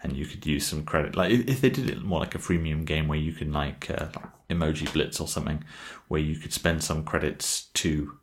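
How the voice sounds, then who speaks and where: A man's voice: extremely low pitch, a little fast, few pauses. A man co-hosting a casual gaming podcast, enthusiastic, laughing often and swearing casually. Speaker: podcast co-host.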